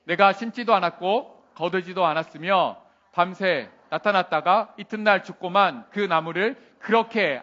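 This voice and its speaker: A man voicing God as a patient, fatherly figure who asks questions slowly. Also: high voice, pushed and bright, dull audio. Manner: slow, solemn questioning.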